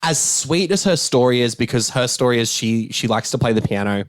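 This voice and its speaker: A man co-hosting a casual podcast as a film critic, talking in an animated, rambling way with restarts. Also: mid-range voice, a little fast, no room sound.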